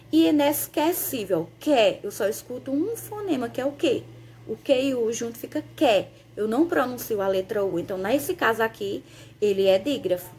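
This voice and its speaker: A woman teacher patiently explaining a lesson in Brazilian Portuguese, spelling letters out slowly and checking in with her students often. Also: on the high side, a little mellow, a little hiss or hum. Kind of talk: recorded lesson explaining exercise answers.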